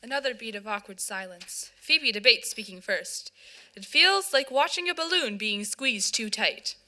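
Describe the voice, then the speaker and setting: A woman's voice: on the high side, animated, moderate pace, sharp tone. A woman reading the stage directions of a play as scripted narration.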